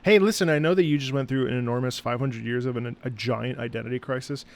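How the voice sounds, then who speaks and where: This former opera singer now streams, reacting to a game with casual commentary delivered in a wry, sarcastic manner. He talks fast at a medium pitch, and his voice is creaky.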